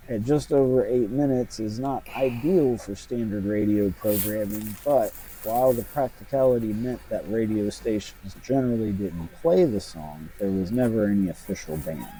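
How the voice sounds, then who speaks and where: A man's voice: fairly low pitch, moderate pace, warm tone, a little hiss or hum, low-quality recording. A man co-hosting a casual trivia chat, easygoing as he reads out questions and facts. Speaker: podcast co-host.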